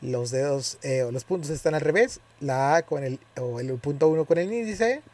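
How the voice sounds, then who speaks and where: A man's voice: a little high, animated, moderate pace, a little mellow. A man giving a casual spoken tutorial, hesitant and often correcting himself as he demonstrates. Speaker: tutorial presenter.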